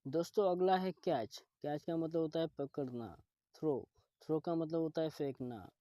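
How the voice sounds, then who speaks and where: A male teacher works through a vocabulary list in a steady, methodical rhythm, repeating each word before explaining it. His voice sits a little high but sounds mellow, and the recording is dry and close. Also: normal speed, dry recording. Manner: addresses viewers as friends. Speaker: English teacher. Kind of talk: vocabulary lesson.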